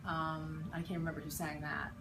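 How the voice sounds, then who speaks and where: A reflective woman in her forties from western Pennsylvania, remembering her school days for an interviewer. Her voice sits a little low, and she talks in a rambling way, full of ums and restarts. The mic is far from her in a school room, so the sound is echoey and noisy. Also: flat delivery, normal speed, vocal fry. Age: 40s. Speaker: interviewee, teacher. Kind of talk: casual recollection in an interview. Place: school building.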